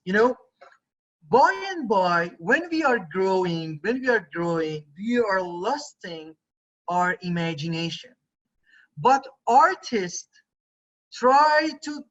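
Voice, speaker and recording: High, bright-voiced male instructor lecturing. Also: sing-song, slow pace. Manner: conversational, often checks in with students. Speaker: university photography instructor. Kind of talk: online class lecture. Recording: dull lo-fi recording.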